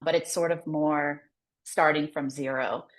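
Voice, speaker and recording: An American woman, a career coach appearing as a podcast guest, talks about her work in a loose, conversational interview style. Her voice is low and fairly even in intonation, with a measured pace, and the recording quality is poor.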